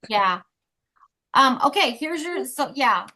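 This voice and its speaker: A woman's voice: high voice, sing-song, slow, pushed and bright. A woman leading a weekly support group, chatty and encouraging as she gives the members instructions over a video call. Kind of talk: casual group talk, instructing.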